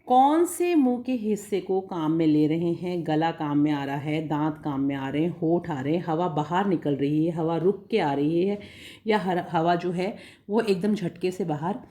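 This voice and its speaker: A woman teacher patiently explaining a phonetics lesson, repeating points and sounding out single sounds slowly. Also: fairly low pitch, warm tone. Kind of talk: exam-prep phonetics lesson.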